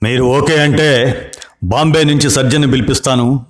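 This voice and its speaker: A man's voice: mid-range voice, steady tone, normal speed, pitched above the performer's own voice, close to an everyday voice. A man voicing a stern middle-aged doctor who scolds the parents.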